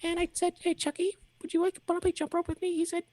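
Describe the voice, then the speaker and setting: A woman's voice: level tone, fast talker, a little mellow, no room sound. A woman doing a chipmunk-voiced little boy. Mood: giddy. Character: squeaky little boy bragging about candy. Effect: high chipmunk-like squeak. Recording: background noise and clicks.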